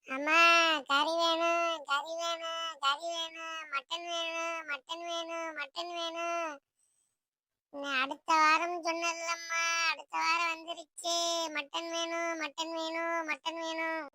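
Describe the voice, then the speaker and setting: A whiny little cartoon boy, put on by a woman, begs over and over in a very high, bright, thin voice. It is recorded dry and close, with no room sound. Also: flat delivery, unhurried, no echo, heavily acted. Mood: whining. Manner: whining, repeating demands. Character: whiny young boy begging for meat. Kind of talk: cartoon voice acting.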